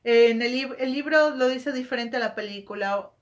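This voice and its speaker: A woman's voice: a little high, brisk. A woman hosting a book channel, talking casually in a chatty way, correcting herself and asking rhetorical questions. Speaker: book vlogger. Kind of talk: casual explanatory monologue.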